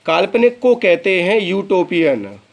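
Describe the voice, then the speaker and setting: Male english tutor, kinda high voice, talks real slow, spells stuff out for students. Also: big pitch swings, vocal fry. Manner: slow, spells words out letter by letter; addresses students as beta. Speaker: English teacher. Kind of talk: classroom lesson.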